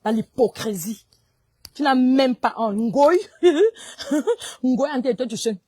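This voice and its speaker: High-pitched Cameroonian woman ranting. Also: a little slow, darkish tone, no room sound. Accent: Cameroonian French. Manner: confrontational, mixes in Pidgin English. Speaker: online commentator. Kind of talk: heated livestream rant.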